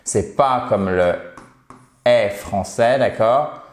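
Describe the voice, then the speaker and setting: A man explaining English irregular verbs in a patient lesson, slowly repeating example sentences. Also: lowish voice, roomy sound. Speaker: English teacher. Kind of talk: French-language English grammar lesson.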